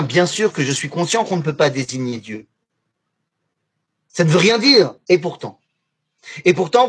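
A man teaching a lively religious lesson on Hebrew words to a class, often asking his students questions. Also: high voice, husky. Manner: animated, asks the class questions. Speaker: Torah teacher.

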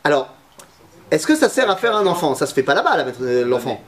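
Guy teaching a torah class, lots of questions to the room, voice a bit high and very animated. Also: fast. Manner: lively, questions the class, mixes in Hebrew terms. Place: classroom with students.

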